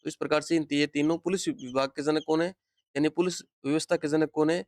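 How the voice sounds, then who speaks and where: A man's voice: a little high, steady tone, fast, darkish tone, no echo, clean studio sound. A man teaching an exam-prep history lesson, repeating key questions and answers and calling his viewers friends. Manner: repetitive question-and-answer drilling; addresses viewers as friends often.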